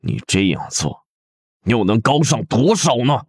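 A man's voice: deep voice, expressive, unhurried, no room sound, clean studio sound, full character voice. A man voicing a cold, ruthless prince who speaks with sneering contempt in a fan audio drama. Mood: scornful.

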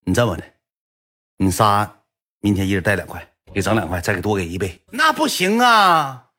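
A man's voice: deep voice, fairly even intonation, a little fast, a bit bright. A young man with a Northeastern Mandarin accent telling stories in a blunt, chatty way on a livestream. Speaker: livestream storyteller. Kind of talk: casual storytelling livestream.

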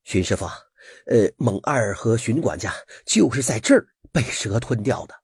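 A man's voice: fairly low pitch, animated, moderate pace, husky, no echo, clean studio sound, exaggerated voice. A man voicing a polite, slightly hesitant male householder in a folk story. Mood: anxious.

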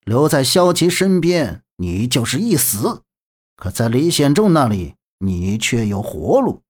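Narrator playing a low-voiced smooth-talking envoy, slow and husky. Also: big pitch swings, darkish tone. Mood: persuasive. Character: cunning male envoy, calm and persuasive.

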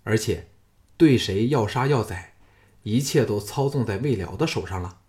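A man narrating a martial fantasy novel as an audiobook, in steady storytelling. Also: fairly low pitch, moderate pace.

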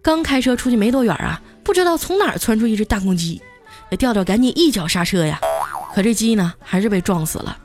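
A woman's voice: mid-range voice, animated, fast talker, darkish tone, faint music behind. A woman host telling comic anecdotes in a chatty, scripted way. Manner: chatty, punchline-driven delivery. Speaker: comedy storyteller host. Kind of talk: scripted comedic storytelling.

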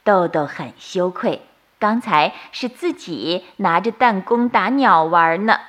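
A woman storyteller narrating a bedtime story for children in a slow, soothing manner. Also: on the low side, expressive, a bit bright. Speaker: storyteller host.

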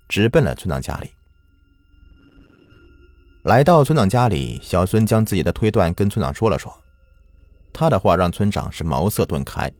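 A man's voice: low-pitched, a little mellow, no room sound. A man narrating a folk ghost story in a dramatic, lilting storytelling manner.

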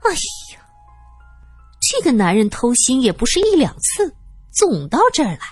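A woman putting on a shrill, wailing shrewish wife. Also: sing-song, normal speed, a little mellow, slightly rough, no room sound, faint music behind. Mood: gossipy. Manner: whining, melodramatic, shameless. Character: shrill wheedling middle-aged former dancer wife.

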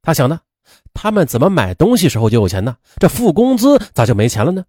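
Give me a man narrating a true-crime story in a chatty, animated, dry-sounding voice. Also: a little high, fast, no room sound. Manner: chatty retelling with frequent fillers.

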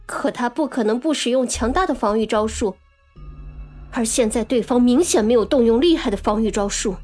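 Explosion Queen, a man doing a fierce shrill heroine. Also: moderate pace, darkish tone, faint music behind. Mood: bewildered. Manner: shrill, high falsetto. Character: fierce young woman warrior, explosive temper. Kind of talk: audiobook character voice.

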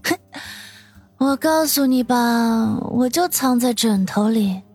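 A man's voice: very high-pitched, slow pace, darkish tone, breathy edge, soft background music, pitched above the performer's own voice, heavily acted. A man voicing a drunk young woman who mumbles drowsily in her sleep, for an audiobook. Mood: smug. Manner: drowsy slurred sleep-talk. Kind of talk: audiobook character voice.

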